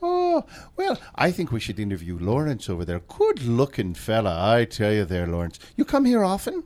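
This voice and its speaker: A man's voice: medium pitch, wildly swooping pitch, normal speed, a little mellow. A man putting on a cheeky male leprechaun voice with a mock Irish brogue, teasing the others in a sing-song way. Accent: put-on Irish leprechaun brogue. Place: radio studio.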